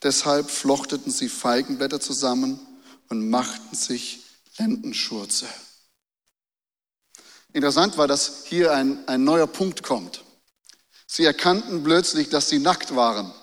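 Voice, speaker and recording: A man's voice: mid-range voice, measured pace, long pauses, a bit bright, in a large hall. A man preaching a sermon and reading Bible verses, repeating key phrases and asking the listeners rhetorical questions. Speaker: pastor.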